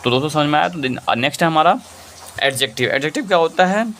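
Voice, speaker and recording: Hindi-speaking grammar teacher, faintly hissy. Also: male voice, a little high, animated, fast talker, a bit bright. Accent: Indian English. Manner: asks and answers his own questions; mixes Hindi with English example sentences. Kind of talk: classroom-style lesson.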